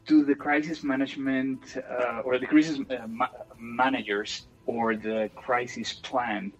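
A man's voice: medium pitch, little pitch movement, a little slow, lo-fi sound, soft background music. A man whose first language is Spanish, hosting an interview and asking questions in English hesitantly, with a Spanish accent. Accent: Spanish-speaking. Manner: hesitant, many fillers and restarts. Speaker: podcast host, interviewer.

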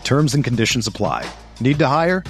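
Mid-pitched male ad announcer over music. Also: big pitch swings, moderate pace. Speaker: advert announcer. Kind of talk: scripted ad narration.

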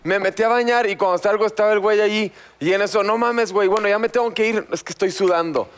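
Smooth high-voiced Mexican man telling stories. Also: fast talker. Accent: Mexican Spanish. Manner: storytelling, profane. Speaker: podcast co-host. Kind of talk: casual anecdote telling.

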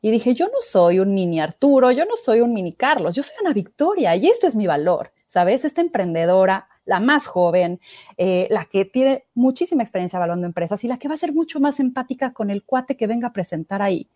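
Mexican woman in her 30s, warm mellow tone, dry close sound, animated storyteller. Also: mid-range voice, brisk, no echo. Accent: Mexican Spanish. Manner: expressive storyteller, acts out quoted voices. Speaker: guest. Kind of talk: casual conversational interview.

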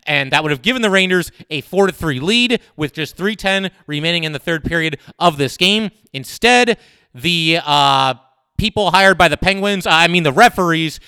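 A man hosting a solo sports podcast, breaking down a play with animated, emphatic talk and frequent fillers. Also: fairly high pitch, smooth, dry recording, studio quality.

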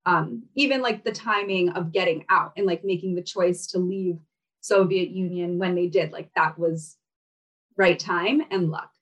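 Her voice fairly low and unhurried, a young woman from Kazakhstan with Russian as her first language chats loosely as an interview guest who founded a fashion brand, laughing and using many fillers. The mic is distant and the highs are cut off.

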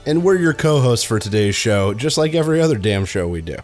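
A man's voice: mid-range voice, big pitch swings, brisk, soft background music. A man co-hosting a podcast in a laid-back, wry, casual way. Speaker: podcast co-host. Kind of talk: casual chat.

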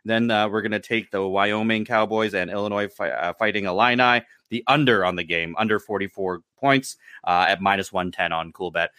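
Deep-voiced, bright, swearing betting host. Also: male voice, fairly even intonation, moderate pace, few pauses, no echo, clean studio sound. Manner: loose, profane, laughs between picks. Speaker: sports betting podcast host. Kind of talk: casual betting picks chat.

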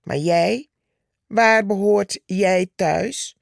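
Storybook: woman voicing a tiny defiant ant, calm and slow. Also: medium pitch, gravelly, no echo, clean studio sound, exaggerated voice. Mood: cheeky. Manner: calm, cheeky, unimpressed. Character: tiny bold female red ant, hard-working and defiant.

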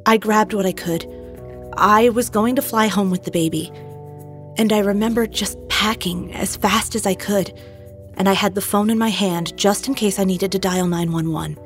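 A woman's voice: mid-range voice, steady tone, normal speed, natural voice. A woman playing a young wife and mother recounting her troubled marriage in a documentary reenactment. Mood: tense, urgent. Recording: close dry studio, music behind.

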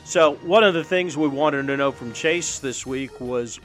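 A man's voice: mid-range voice, unhurried, fairly bright tone, faint music behind. A man hosting a sports show, talking and reading ads energetically in punchy, emphatic short phrases. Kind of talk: energetic sports talk and ad read.

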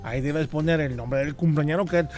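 A man's voice: fairly high pitch, brisk, a little mellow. A man hosting a children's radio show in a playful, exuberant, sing-song way.

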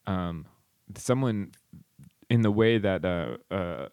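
A man with a lowish voice co-hosts a casual book podcast. He talks haltingly and restarts often. The mic is close and the sound dry. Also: animated, a little mellow, clean tone, no room sound. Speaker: podcast co-host.

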